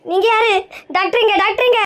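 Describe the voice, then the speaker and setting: A woman's voice: very high-pitched, fairly even intonation, brisk, fairly bright tone. A woman with an acting a distraught, scolding wife in a comedy skit, wailing melodramatically.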